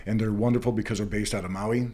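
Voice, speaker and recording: A man's voice: fairly low pitch, steady tone, fast talker, darkish tone. A man talking as a massage therapist being interviewed, explaining things casually through examples and anecdotes.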